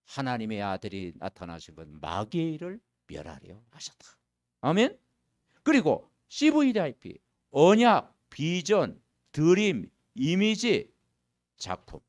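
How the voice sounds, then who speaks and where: Man preaching in church, bouncy pitch, dry close sound, slows way down for the bible bits. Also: wildly swooping pitch, dry recording. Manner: emphatic call-and-response preaching with rhetorical questions; slow, declaiming scripture reading. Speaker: pastor. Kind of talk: sermon.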